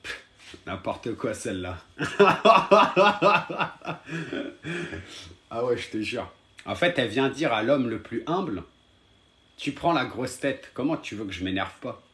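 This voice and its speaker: A man's voice: mid-range voice, lively intonation, normal speed. A man streaming live and talking to his viewers, scolding them in a heated, repetitive way.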